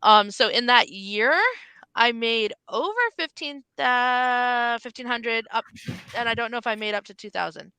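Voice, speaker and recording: A woman's voice: a little high, unhurried, sharp tone, clean tone, dry recording. A woman talking casually as a guest on a podcast. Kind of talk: casual chat.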